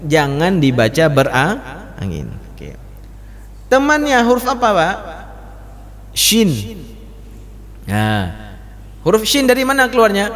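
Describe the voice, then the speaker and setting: Male recitation teacher, high animated voice, long hall reverb. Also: a little slow, pauses often. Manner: addresses class as Pak, demonstrates letter sounds repeatedly. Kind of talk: mosque study class. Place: mosque hall.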